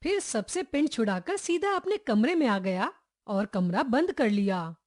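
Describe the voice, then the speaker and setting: A woman's voice: on the high side, a little slow. A woman reading a humorous children's story aloud from a school textbook, voicing each character as she goes. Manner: expressive, acts out each character's lines. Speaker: textbook chapter reader.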